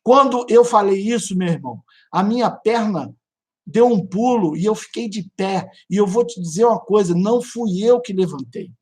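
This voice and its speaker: Carioca guy preaching his testimony live, animated storyteller, keeps calling people brother and sister. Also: high voice, normal speed. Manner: animated storytelling, imitating a pounding heartbeat; direct address to listeners as brother and sister. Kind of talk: live-streamed testimony sermon.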